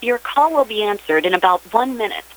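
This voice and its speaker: A woman's voice: medium pitch, animated, poor audio. Woman's scripted phone menu voice. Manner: measured recorded-prompt delivery.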